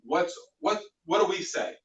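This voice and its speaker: Male sales trainer, fairly high voice, roomy and distant, dull recording. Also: measured pace. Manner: animated, plays out customer dialogues. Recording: echoey room, distant mic, dull sound.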